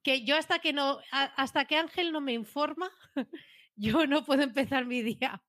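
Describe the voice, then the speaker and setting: A woman's voice: high voice, normal speed, a bit bright, no room sound, studio quality. A woman chatting casually as a podcast guest, informal and slangy as she talks a point through. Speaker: podcast guest, marketing automation specialist. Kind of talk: casual chat.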